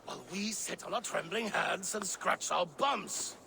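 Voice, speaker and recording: A man playing a boisterous, battle-hungry thunder god in a video game, gruff, gravelly and impatient. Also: sits high, unhurried, bright, forceful tone, a little hiss or hum, full character voice. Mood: impatient, scornful. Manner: blustering, impatient. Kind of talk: dramatic video game acting.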